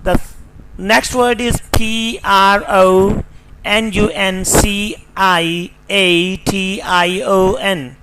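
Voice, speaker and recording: Casting: male English teacher with a Pakistani accent, higher voice, very slow and deliberate delivery, noisy recording. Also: little pitch movement. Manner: slow and deliberate, spells words letter by letter. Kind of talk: scripted pronunciation lesson.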